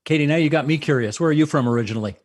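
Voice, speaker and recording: A middle-aged man hosts an online event from his home office, speaking over earphones and a desk mic. He talks quickly and keeps things friendly and joking. His voice sits on the higher side. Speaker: host. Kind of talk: hosting a public online presentation. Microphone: video call with earphones and desk mic.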